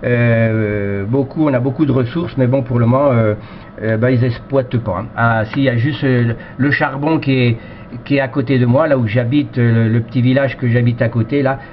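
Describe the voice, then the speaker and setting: Steady in tone and mid-range in pitch, a man from France talks at normal speed in casual, unscripted radio chat. As an amateur operator on a cheap headset microphone, he rambles and fills his speech with verbal tags, all carried by a dull, noisy transmission.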